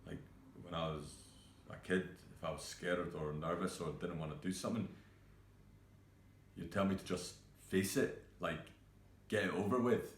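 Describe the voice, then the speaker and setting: Guy acting out a broken young cook, super low voice, stops n restarts a lot, echoey room. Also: a little hiss or hum. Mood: subdued. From Scotland. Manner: hesitant, halting, many fillers and restarts. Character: grieving young male cook, halting and raw. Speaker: actor performing a monologue. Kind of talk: self-tape monologue.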